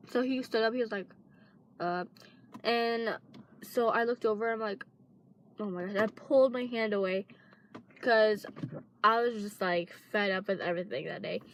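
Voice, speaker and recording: A young woman telling a casual storytime vlog, rambling and full of fillers. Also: on the high side. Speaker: vlogger.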